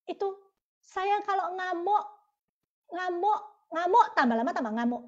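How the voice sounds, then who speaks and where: A woman with a very high voice gives a testimony sermon. She tells stories vividly and acts out inner voices. The recording is dull and lo-fi. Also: measured pace. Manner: animated storytelling with acted inner voices. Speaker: women's fellowship speaker.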